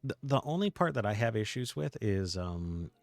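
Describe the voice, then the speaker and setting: A man's voice: fairly low pitch, big pitch swings, moderate pace, vocal fry, dry recording, faint music behind. A man streaming a video game, chatting casually with swearing and laughing asides.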